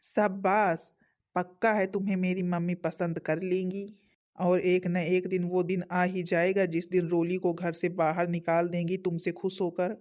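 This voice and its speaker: An actor voicing a young cartoon husband who calmly soothes and instructs his wife. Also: mid-range voice, a little slow, muffled recording, natural voice. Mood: coaxing. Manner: soothing, lecturing. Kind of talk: cartoon story voice acting.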